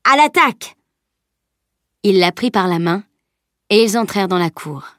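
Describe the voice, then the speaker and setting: A woman narrating a novel as an audiobook, in an even, steady reading. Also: on the low side, normal speed, dry recording, clean studio sound. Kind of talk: scripted narration.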